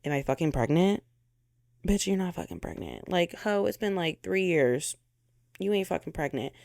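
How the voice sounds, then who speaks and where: A woman's voice: lowish voice, sing-song, moderate pace, vocal fry, darkish tone, dry recording, studio quality. An American woman hosting her own podcast from her bedroom, venting bluntly and swearing freely in a casual monologue. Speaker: podcast host.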